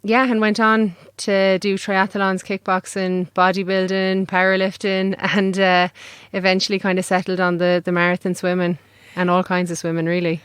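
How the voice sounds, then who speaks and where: A woman's voice: medium pitch, monotone, moderate pace, hardly any pauses, smooth, no room sound. A woman with a west of Ireland accent, chatting casually as an interview guest. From Galway, west of Ireland. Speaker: interview guest, endurance swimmer. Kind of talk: casual chat.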